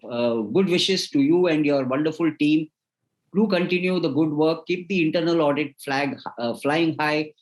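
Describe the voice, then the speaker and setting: Courteous man, fairly high voice. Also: normal speed, rough recording. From India. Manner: effusive and courteous, with frequent restarts. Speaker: host. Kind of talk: formal closing remarks on a video call.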